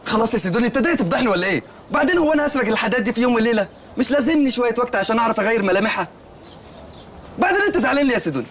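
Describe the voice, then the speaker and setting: A man's voice: very high-pitched, expressive, racing, crowd noise. An actor playing a naive, earnest male shopkeeper in a comedy film, speaking with an Egyptian accent and telling rambling, literal-minded stories. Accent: Egyptian Arabic.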